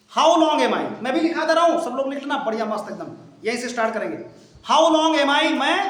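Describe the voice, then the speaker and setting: A man teaches a class, his voice pitched very high. He repeats each English phrase slowly and fires questions at the students. The room rings with strong echo. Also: a bit bright. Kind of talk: classroom lesson. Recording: very echoey classroom.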